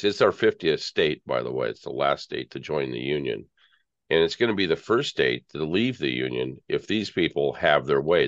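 A man's voice: a bass voice, dry recording. An American man giving conversational political commentary as an interview guest, in an earnest, rambling, conspiratorial rant. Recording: dull lo-fi audio.

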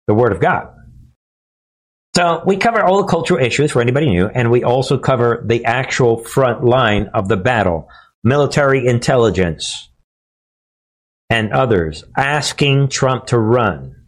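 A man delivers an alarmist, conspiratorial rant as a commentary host, taking his time. His mid-pitched voice moves in halting phrases, with a mocking, sarcastic edge. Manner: mocking, sarcastic, chuckling asides. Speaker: host of a political commentary show. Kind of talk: informal monologue news commentary.

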